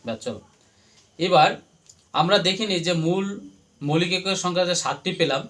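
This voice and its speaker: Speaking at normal speed in a high, somewhat bright voice, a man teaches his class through call-and-response. He repeats questions as drills and has the students chant their answers back.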